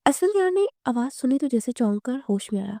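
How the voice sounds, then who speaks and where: A woman slowly narrating a romance novel in a hushed, emotional storytelling manner. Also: high voice, sing-song, no echo, clean studio sound.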